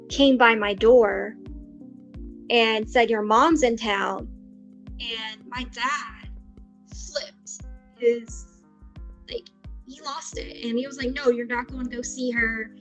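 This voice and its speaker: A young woman caller, soft-spoken and halting, on a headset that makes her sound hollow, as if in a tunnel. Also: on the high side. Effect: hollow echoing tunnel sound. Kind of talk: personal interview on a call. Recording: dull lo-fi call audio with faint music.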